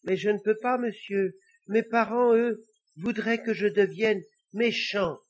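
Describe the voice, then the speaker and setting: A man's voice: sits high, fairly even intonation, a little slow, pitched above the performer's own voice. A man voicing a polite little male devil who earnestly pleads to become good, in a storybook reading. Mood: pleading.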